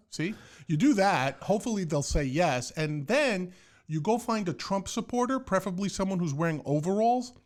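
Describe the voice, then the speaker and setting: A man co-hosting a casual comedy chat, giving mock-serious advice in an animated way. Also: high-pitched, normal speed, slight background noise. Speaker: podcast co-host.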